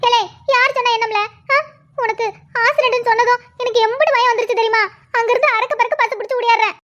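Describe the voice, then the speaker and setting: A woman's voice: very high voice, steady tone, fast talker, fairly bright tone, lo-fi sound. A woman voicing a worried, tearful village mother, in a cartoon. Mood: distraught, scolding. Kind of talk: cartoon voice acting.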